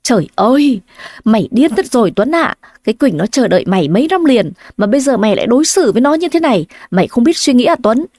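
A woman voicing a worried older mother-in-law in a spoken story, talking anxiously in a high, warm voice. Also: very animated, quick pace, dry recording, studio quality. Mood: scolding. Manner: anxious, pleading then scolding.

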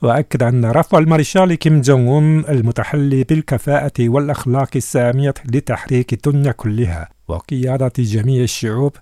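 A man reading scripted news in a slow, measured, solemn delivery. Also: mid-range voice, mellow, no echo, clean studio sound. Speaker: news reader.

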